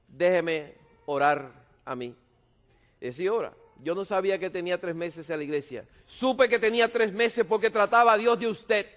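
A man's voice: high voice, a bit bright. A middle-aged man preaching a sermon, telling stories with humor and emphasis. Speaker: pastor. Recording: long reverb in a hall.

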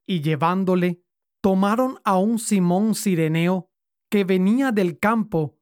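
Slow, measured woman reading scripture. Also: lowish voice, dry recording, clean studio sound. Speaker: scripture reader.

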